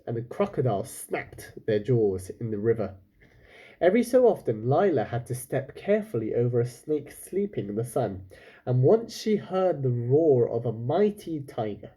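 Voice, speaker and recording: A man with a warm, husky, mid-range voice reads a children's book aloud with expression. Every so often he breaks off for casual, chatty asides to his listeners, playing the storyteller.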